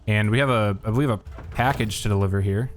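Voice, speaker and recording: A man streams a game, thinking aloud in a relaxed, casual way. His voice sits low. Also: quick pace, slight background noise. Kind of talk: casual gameplay commentary.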